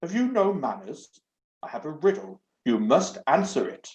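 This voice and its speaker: A prim wooden door knob with a raised, loud, scolding voice, as a man puts it on, full of wounded pride. It sounds like a dull recording in an echoey room. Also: a little high, big pitch swings, normal speed, voice pushed up. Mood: indignant. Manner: pompous, scolding, self-righteous. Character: fussy, indignant talking wooden door knob.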